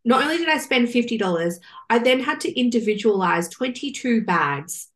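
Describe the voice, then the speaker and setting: A woman's voice: a little high, lively intonation, normal speed. A woman, co-hosting a casual chat show and telling a long, candid, rambling story. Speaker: podcast co-host.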